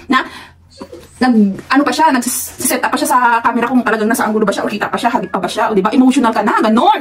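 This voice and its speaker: Woman, Filipino accent, quick chatty vlog talk, slightly high voice, laughs a lot, encouraging. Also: a little hiss or hum. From Philippines. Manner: chatty, laughs often, gives encouraging advice. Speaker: vlogger. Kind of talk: casual commentary to viewers. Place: employer's home abroad.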